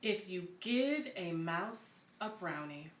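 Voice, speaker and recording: A woman with a fairly low voice and lively intonation speaks slowly while hosting a children's story time at a community center. She reads picture books aloud and chats casually with listeners. The echoey room carries clear background noise.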